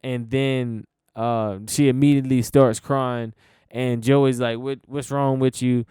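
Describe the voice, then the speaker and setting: A man's voice: mid-range voice, level tone, unhurried, warm tone, clean tone, no room sound, clean studio sound. Rambling laid-back American man podcasting. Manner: rambling, laid-back, many fillers and restarts, swears casually. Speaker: podcast host. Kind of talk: casual solo podcast chat.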